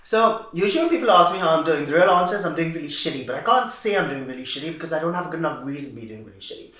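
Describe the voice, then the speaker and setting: A man's voice: on the high side, lively intonation, racing, pushed and bright. Actor as a wry grieving young man, rambling comic monologue, echoey room. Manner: rambling, wry, laughing through grief. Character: wry young man just after his mother's death. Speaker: actor in a showreel scene.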